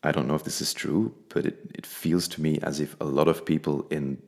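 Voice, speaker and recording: Very deep-voiced man. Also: fairly even intonation, gravelly, darkish tone. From Belgium. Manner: thoughtful, candid, slow and measured. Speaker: interview guest. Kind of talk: reflective personal interview.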